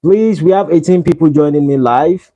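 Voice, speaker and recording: A Nigerian man with a Nigerian accent hosts a casual livestream chat, pleading with viewers for likes. His voice sits on the high side with a dark tone, at a moderate pace. The livestream audio is dull and lo-fi.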